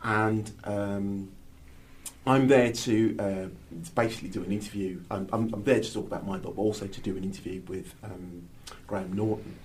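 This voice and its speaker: A man's voice: lowish voice, steady tone, moderate pace, slight background noise. A man, a novelist co-presenting a radio book show, telling rambling self-deprecating anecdotes full of hesitations. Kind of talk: casual radio chat.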